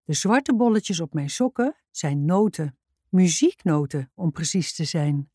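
A woman's voice: low-pitched, animated, measured pace, mellow, slightly rough, no room sound, studio quality, full character voice. A woman voicing a cheerful, joking young male schoolteacher in a children's storybook. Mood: playful. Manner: playful, chatty. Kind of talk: reading a children's book aloud.

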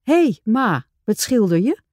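Woman reader doing a mischievous storybook werewolf kid, teasing, animated. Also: fairly high pitch, takes it slowly, dry recording, studio quality, pitched above the performer's own voice, heavily acted. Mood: curious. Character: cheeky young werewolf boy.

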